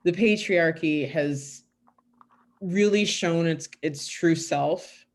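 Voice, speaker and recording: A Canadian woman with a lowish voice speaks slowly as a podcast guest in a casual conversation. She tells stories emphatically and animatedly, with bursts of laughter.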